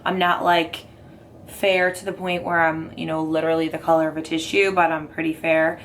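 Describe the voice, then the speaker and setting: A young woman with a hoarse, raspy voice from a cold, chatting casually through a makeup review with lots of fillers. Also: low-pitched, level tone, moderate pace, a little hiss or hum. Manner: chatty, rambling with many fillers. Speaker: beauty vlogger.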